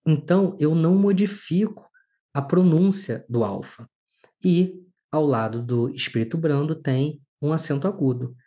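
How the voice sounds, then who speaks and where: A man teaching a recorded lesson, explaining slowly and clearly and stressing syllables. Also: on the high side, warm tone.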